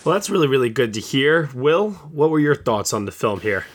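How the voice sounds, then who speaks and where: A man's voice: mid-range voice, big pitch swings, moderate pace. A man hosting a film podcast in a casual, upbeat way, introducing his guests. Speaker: podcast host.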